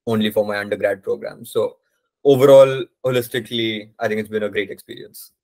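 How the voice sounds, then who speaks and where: A man's voice: lowish voice, steady tone, fairly quick, vocal fry, a little mellow. A young man from India with an educated Indian accent, giving articulate, explanatory answers as a podcast guest in a polished, conversational way. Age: young adult.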